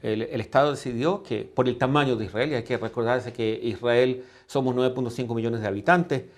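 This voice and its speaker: A man from Chile, an emergency management expert, answering interview questions calmly with fillers. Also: mid-range voice, fairly quick. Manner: calm, explanatory with fillers.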